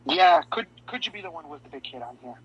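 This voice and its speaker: A man's voice: on the high side, lively intonation, fast talker. A man co-hosting a podcast, talking casually and eagerly about albums, rambling and restarting his sentences. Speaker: podcast co-host. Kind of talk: casual music discussion. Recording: dull lo-fi podcast audio.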